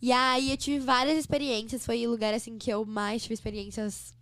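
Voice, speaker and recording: A woman from Brazil, a podcast guest, telling stories in an animated, chatty way. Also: a little high, normal speed, no room sound. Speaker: interview guest. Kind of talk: casual chat.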